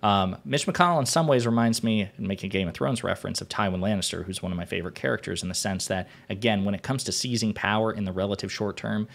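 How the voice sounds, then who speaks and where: A man with a fairly low voice hosts a political commentary show. He talks in a casual, unscripted way, yet picks his words deliberately. His phrasing is wordy and opinionated, with formal vocabulary. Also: gravelly, fairly bright tone.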